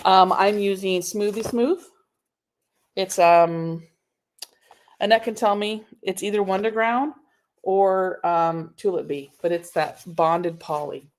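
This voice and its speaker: A woman's voice: mid-range voice, fairly even intonation, slow. A woman hosting a live sewing tutorial, chatting casually and answering viewer comments as she works, recorded on a laptop microphone in a home sewing room. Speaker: sewing instructor.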